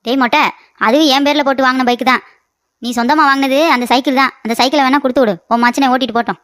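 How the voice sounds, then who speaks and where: Woman playing a cartoon mother-in-law, older, high voice, rapid, sarcastic, dry close mic. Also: fairly even intonation, a bit bright, no echo. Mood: scolding. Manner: scolding, quick and sarcastic. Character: bickering sharp-tongued older mother-in-law. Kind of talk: cartoon comedy voice acting.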